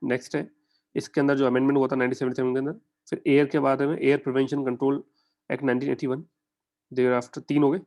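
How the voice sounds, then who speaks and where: A young Indian man giving a conversational exam-prep lecture, often putting quick questions to his students. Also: medium pitch, level tone, darkish tone. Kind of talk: online lecture in mixed Hindi and English.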